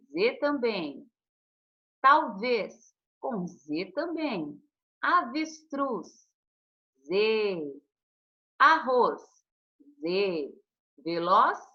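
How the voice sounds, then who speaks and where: A Brazilian woman teaching children in a recorded online lesson, her pitch rising and falling with animation. She speaks patiently and affectionately and draws words out slowly, and the sound is dull and lo-fi. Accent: Brazilian Portuguese. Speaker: primary school teacher.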